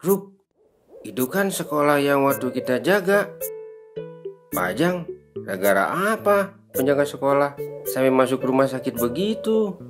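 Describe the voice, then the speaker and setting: A man's voice: mid-range voice, big pitch swings, moderate pace, long pauses, music in the background, lightly acted. A man doing a teasing Sundanese watchman. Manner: teasing, mocking banter. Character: cheeky young male night watchman, guitarist. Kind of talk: motion comic voice acting.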